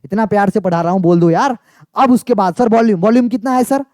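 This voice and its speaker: A man's voice: high voice, fast, darkish tone, dry recording, studio quality. A man teaching chemistry in a chatty, teasing exam-prep lecture, often asking his students yes or no. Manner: playful, teasing, asks students yes or no again and again.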